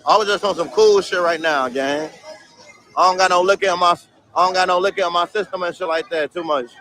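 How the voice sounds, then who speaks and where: A young man livestreams from a city street in a high, brisk, fairly bright voice. He chats loosely with viewers, using heavy slang and swearing, reading their comments aloud and laughing at them.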